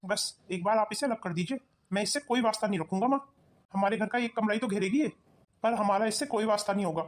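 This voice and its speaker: A woman's voice: mid-range voice, fast talker, lightly acted. A woman voicing a stern young husband who sides with his mother in a cartoon. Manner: harsh, commanding. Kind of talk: cartoon voice acting.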